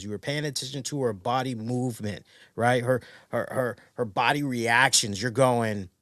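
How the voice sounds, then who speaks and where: A man giving a casual, excitable recap of a wrestling show, often stammering on restarts and swearing freely. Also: mid-range voice, dry recording, studio quality.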